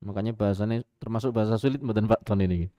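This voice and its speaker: A man's voice: lowish voice, very fast, no room sound, clean studio sound. A man with a Javanese accent giving a radio sermon, telling stories with rhetorical questions and chuckles. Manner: animated, lively storytelling with rhetorical questions and chuckles. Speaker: Islamic preacher.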